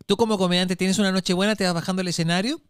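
A man's voice: high-pitched, very fast, smooth, no echo, studio quality. A man who does stand-up comedy, telling road stories in casual chat and acting out hecklers and crowd voices. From Chile. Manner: acts out crowd voices and hecklers, animated storytelling, heavy slang.

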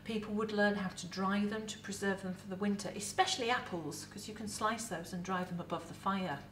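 Dressed in costume, a middle-aged museum educator with an English accent chats energetically to camera about food, props in hand, inside a set. Her voice is mid-range and a little fast. Faint hiss or hum and a roomy echo make her sound far from the mic.

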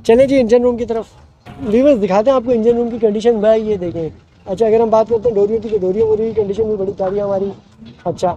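A man with a Karachi Urdu accent walking around a used car outdoors, giving a fast, upbeat salesman-style rundown of it. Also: sits high, vocal fry, mellow, dull audio. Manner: fast, upbeat salesman patter, repeats "bhai". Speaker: vlogger showing used cars. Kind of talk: casual walk-around car review. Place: outdoor car market lot.

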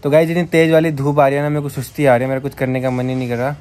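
A man's voice: medium pitch, flat delivery, racing, loud music behind the voice. A man chatting easily to the camera as a vlogger, in casual vlog talk. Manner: chatty, easygoing, talks to camera. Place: sunny rooftop outdoors.

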